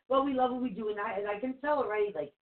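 A woman's voice: on the high side, quick pace. A woman co-hosting an online talk show, gushing and encouraging toward a guest. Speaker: co-host, psychic reader. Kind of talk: casual talk show chat. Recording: tinny phone-like call audio.

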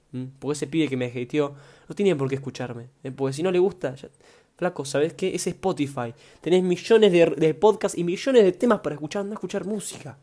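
A man's voice: on the high side, a little mellow. A young man with an Argentine Rioplatense accent hosting a casual solo podcast, rambling and joking in slang and often repeating his words. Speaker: podcast host.

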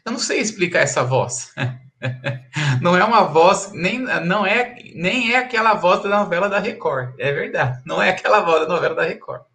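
A man's voice: high-pitched, expressive, moderate pace, gravelly, bright, forceful tone. A man, a pastor, preaching in a live-streamed Bible study, emphatic and repetitive, chuckling between points.

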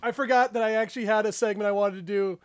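A man's voice: high voice, steady tone, fast talker, clear, resonant tone. A man hosting a casual podcast chat and running a quiz game, joking and laughing often as he talks. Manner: laughs often while talking, loose and joking.

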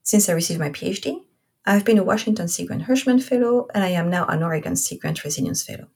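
A fast-talking woman with a fairly low, husky, darkish voice hosts a podcast. In her thirties and from Corsica, France, she has a French accent; she reads a scripted intro carefully and then interviews a guest casually.

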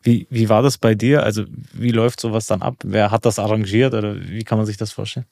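A man's voice: fairly low pitch, steady tone, fast talker, creaky, darkish tone, no room sound. Man hosting a podcast, dry sound. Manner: earnest, fills with "äh" and restarts when asking questions. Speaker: podcast host. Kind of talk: podcast interview. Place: indoors.

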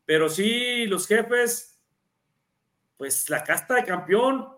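A man's voice: high-pitched, lively intonation, slow, fairly bright tone. A man with a Mexican Spanish accent, co-hosting a casual NFL talk show, chatty and given to repeating words as he restarts. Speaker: NFL podcast co-host. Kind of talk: casual sports analysis chat.

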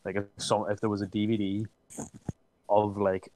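A man's voice: on the low side, level tone, normal speed, mellow, slight background noise, rough recording. A young man, reminiscing in a casual chat, with lots of fillers.

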